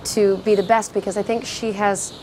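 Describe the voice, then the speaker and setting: A woman's voice: medium pitch, little pitch movement, normal speed, warm tone, a little hiss or hum, low-quality recording. A woman talking as a lead actress about her character in a behind-the-scenes interview, thoughtful and reflective.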